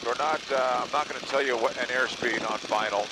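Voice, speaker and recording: A man's voice: mid-range voice, brisk. Through a heavy roar of engine and wind comes a man teaching someone to fly. He raises his voice in the open cockpit, yet stays casual and encouraging. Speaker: flight instructor. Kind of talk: casual in-flight instruction. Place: open cockpit biplane in flight. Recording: very loud engine and wind noise. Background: aircraft engine roar.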